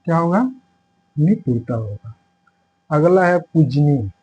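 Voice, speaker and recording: हल्की खरखराहट वाली आवाज़ में पढ़ाता आदमी. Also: male voice, fairly high pitch, lively intonation, slow, darkish tone, husky, poor audio. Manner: explains step by step, repeats answers with quiz questions. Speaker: Hindi teacher. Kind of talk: exam-prep lesson.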